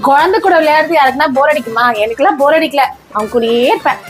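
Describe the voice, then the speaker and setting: A woman playing a doting mother who favors her baby son, talking in a gentle, coaxing way and scolding mildly in a comedy sketch. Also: high voice, fast, soft background music, natural voice.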